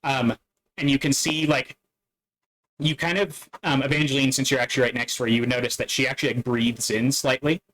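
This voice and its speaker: A man narrating a tabletop game as dungeon master, halting and full of fillers and restarts. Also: medium pitch, steady tone, fairly bright tone, rough recording.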